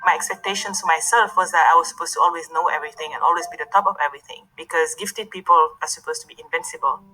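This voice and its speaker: A woman's voice: low-pitched, very fast, bright, forceful tone, soft background music, poor audio. A woman from Senegal, answering interview questions thoughtfully and a little hesitantly.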